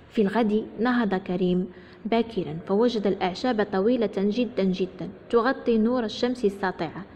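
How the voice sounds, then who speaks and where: A woman storyteller telling a tale to children, addressing them directly and warmly as she narrates. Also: a little high. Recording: dull echoey recording, faint noise.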